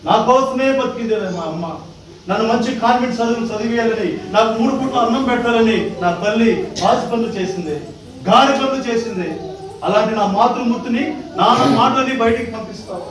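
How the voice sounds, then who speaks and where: A high, rapid-voiced devoted son, as a man acts him out in a church stage drama, emotional and declaiming. He is heard from across a very echoey hall with clear background noise. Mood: outraged. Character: devoted son, pleading then outraged. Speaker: church skit actor. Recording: echoey hall from far off, noisy.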